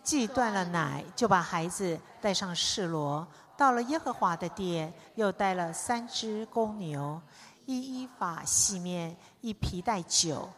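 A woman reading scripture aloud in a measured, even way, as in a congregational reading. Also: on the low side. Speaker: scripture reader. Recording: reverberant hall.

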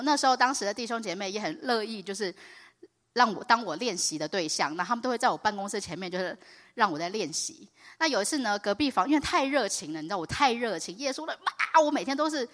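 A woman preaching and telling her own story in an excitable way, often rising to loud, high exclamations. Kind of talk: animated sermon testimony. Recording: reverberant hall.

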